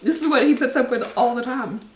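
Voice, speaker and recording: A woman's voice: on the high side, brisk, roomy sound, slight background noise. A woman hosting a snack taste test in casual chat, bubbly and enthusiastic. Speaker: host.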